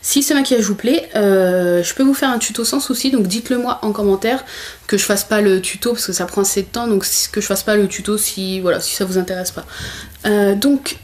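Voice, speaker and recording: A woman's voice: medium pitch, brisk. A young woman chatting casually in a makeup haul vlog at home by a window, with many hesitations. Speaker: beauty vlogger.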